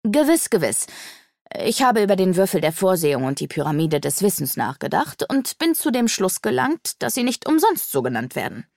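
Portly male sage, easygoing, self-satisfied, unhurried, storybook, played by a woman. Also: medium pitch, big pitch swings, vocal fry, darkish tone, no echo, clean studio sound. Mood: smug.

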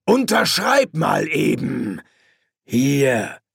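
Audiobook demon villain, menacing and smug, drawn-out delivery, lively pitch, as a male narrator puts him on. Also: gravelly, husky, dry recording, studio quality, exaggerated voice. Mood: gloating. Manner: slow, gloating.

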